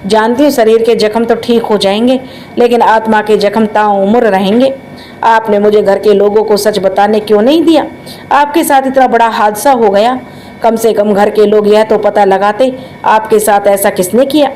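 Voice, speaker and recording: A woman's voice: mid-range voice, steady tone, normal speed, dark tone, slight background noise, lightly acted, poor audio. A woman voicing an innocent, caring young girl. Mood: concerned. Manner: innocent, urgent.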